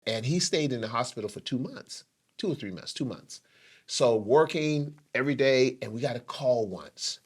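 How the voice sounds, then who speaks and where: A man's voice: lively intonation, normal speed, husky. Middle-aged male co-host, heartfelt storyteller, voice climbs at emotional peaks. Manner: emotional, rises in pitch when retelling intense moments. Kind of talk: personal storytelling.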